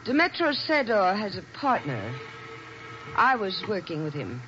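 A woman's voice: medium pitch, sing-song, measured pace, over music. An actress playing a cold, scheming lady doctor in an old radio drama, poised and theatrical. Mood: coldly gloating. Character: cold, scheming female doctor turned villain. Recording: noisy, muffled vintage radio recording.

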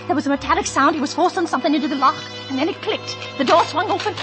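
An actress voices a frantic wife who pleads and stammers in a very high voice. She also narrates her own night. Music plays clearly under the old radio recording. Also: rapid-fire, close to an everyday voice. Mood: narrating. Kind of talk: 1940s radio acting.

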